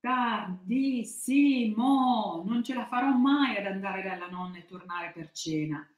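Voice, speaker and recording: A woman's voice: on the low side, lively intonation, moderate pace, dull audio, lightly acted. A woman voicing a bold, cheeky little girl with a spirited, defiant way of talking. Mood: upset. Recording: echoey room.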